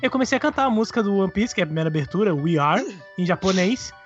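A man's voice: high voice, expressive. A man from Brazil with a Brazilian Portuguese accent, a podcast co-host, telling a sheepish story in casual chat, on slightly dull audio with faint music. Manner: quick, sheepish anecdote telling.

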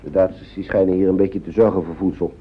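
Man as a fretful, fast-talking uncle. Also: low-pitched, steady tone, natural voice. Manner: fretful, chatty, scolding yet kindly, many tag questions. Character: fussy adult uncle minding children. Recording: dull old noisy recording.

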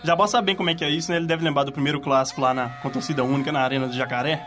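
Fast-talking man bantering over music. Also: a little high, fairly even intonation. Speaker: sports show co-host. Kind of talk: casual banter.

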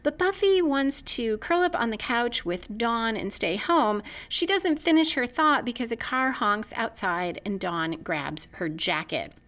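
A woman's voice: a little high, lively intonation, unhurried, few pauses, fairly bright tone. Methodical woman podcast host recapping. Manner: methodical, analytical, marks timestamps. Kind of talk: scripted episode recap and analysis.

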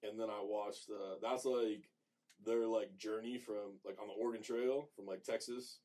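A man's voice: fairly low pitch, steady tone, normal speed, mellow. A man in his thirties co-hosting a podcast, laid-back and jokey, rambling in casual chat. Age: 30s. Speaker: podcast co-host.

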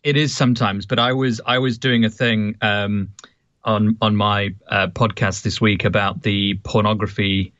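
Low, dry-witted British man, slightly dull sound. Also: fairly even intonation, unhurried, fairly bright tone, no echo. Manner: hesitant, dryly sarcastic. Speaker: guest commentator, podcaster. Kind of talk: casual conversational commentary.

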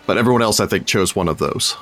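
A man who is a podcast's game master, speaking in a relaxed, matter-of-fact way. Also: on the low side, fast, faint music behind. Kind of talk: casual podcast chat.

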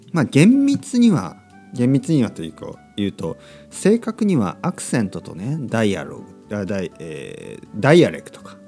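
A man hosting a podcast and explaining things slowly and clearly for learners, in simple phrasing with frequent tag questions. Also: fairly low pitch, darkish tone. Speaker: podcast host teaching Japanese.

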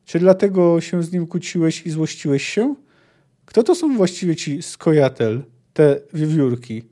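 A man's voice: animated, measured pace, warm tone. A man reading a book aloud and voicing a curious, stubborn young girl who is learning the sword. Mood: indignant. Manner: reading a book's dialogue aloud, raised pitch for the girl.

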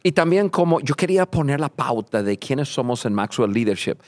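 A man's voice: mid-range voice, expressive, normal speed, a little mellow, dry recording, clean studio sound. A man co-hosting a podcast who talks earnestly and repeats words as he builds a point. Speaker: podcast co-host.

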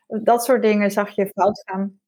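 A woman's voice: medium pitch, little pitch movement, a little slow, warm tone. A woman language researcher explaining her findings in an interview, thoughtful and a little hesitant.

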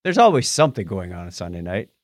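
Co-hosting a laid-back tech podcast, a deep-voiced man rambles quickly and keeps correcting himself, staying lively. The recording is dry, with clean studio sound.

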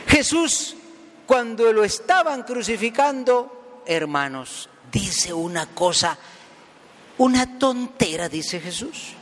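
A man's voice: high voice, very animated, takes it slowly, fairly bright tone, slight background noise. A man preaching a homily at Mass, folksy and joking, putting questions to the congregation. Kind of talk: Palm Sunday homily. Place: large cathedral. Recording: long church reverb, faint ambience.

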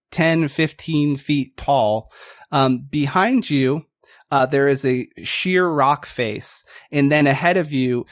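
A man casually narrating a tabletop game as game master, improvising in a halting way. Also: a little high, dry recording, clean studio sound.

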